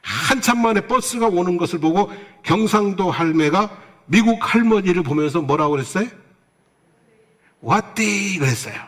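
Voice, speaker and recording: A man's voice: high voice, lively intonation, a little fast. A man preaching a Sunday sermon as pastor, who asks his congregation questions and answers them himself, with playful asides. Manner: tells jokes with playful asides.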